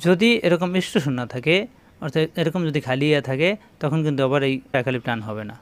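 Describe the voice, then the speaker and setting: Man slowly drilling Quran letter sounds. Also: on the high side. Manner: slow, drawn-out demonstration of letter sounds, repeating syllables; addresses viewers directly with instructions. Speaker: Quran recitation teacher. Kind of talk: spoken Quran reading lesson.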